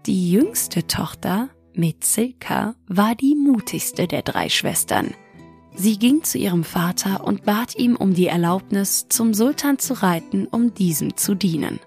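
A woman narrating a fairy tale in a calm, measured, scripted storybook reading. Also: medium pitch, gravelly. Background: faint music.

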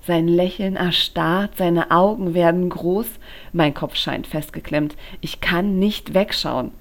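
Woman reading her own novel out loud, lowish voice, lots of drama in it. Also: slow pace. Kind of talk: first-person novel reading.

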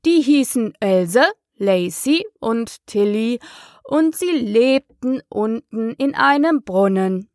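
Storybook: hoarse, weak old dormouse, very slow and drowsy, touchy, read by a woman. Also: on the high side, expressive, a little mellow, dry recording, studio quality. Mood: drowsy grumbling. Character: sleepy old male dormouse, grumpy.

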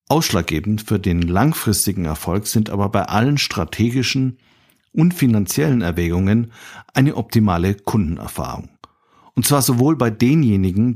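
A man with a lowish, darkish voice hosts an interview podcast, starting with a scripted introduction before moving into conversational questions.

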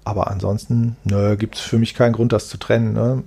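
A man's voice: lowish voice, level tone, a little fast, gravelly, dark tone, husky. A man in his forties, a tattoo artist, chatting as a guest in his shop in a laid-back, rambling way, often ending with a questioning tag and casual swearing. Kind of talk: casual interview chat.

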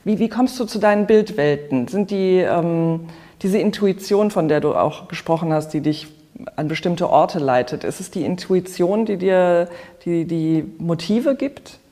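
A podcast host who reads a scripted introduction and then asks calm interview questions in an artist's studio, with an occasional filler sound. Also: mid-range voice, measured pace.

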